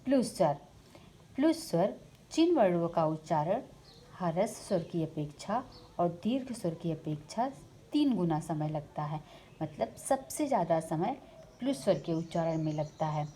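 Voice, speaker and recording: A woman with a fairly low voice teaches a grammar lesson at a measured pace, repeating each definition. Her pitch jumps up on new headings and questions. Faint room noise sits under the recording. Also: lively intonation, dark tone. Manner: slow, deliberate, repeats definitions. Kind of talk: slide-based grammar lesson.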